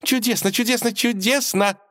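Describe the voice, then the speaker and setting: A man reading an audiobook, voicing a young princess who is bored, dreamy and headstrong, in a high, excitable, sing-song voice. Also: a little slow, no echo, clean studio sound. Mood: ecstatic. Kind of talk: audiobook character voice.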